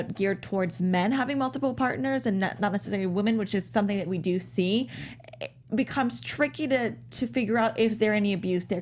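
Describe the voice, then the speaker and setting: A woman on a review panel who reasons through her points in a measured way. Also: mid-range voice, a little mellow. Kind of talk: casual panel discussion.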